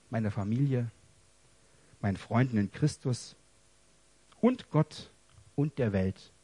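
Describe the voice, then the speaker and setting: A man preaching a personal testimony sermon, dramatic and emotional, swinging between hushed confession and loud pleading. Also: mid-range voice, slightly rough, no echo.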